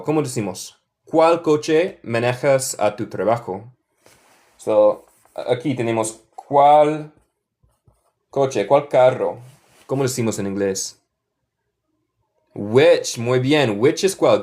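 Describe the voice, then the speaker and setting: A man with a Northern US accent teaches a live online language lesson, switching between Spanish and English. He speaks slowly and deliberately, repeating each example sentence. His voice sits at a mid pitch, and he stops to thank viewers by name. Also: a little mellow. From Michigan, United States.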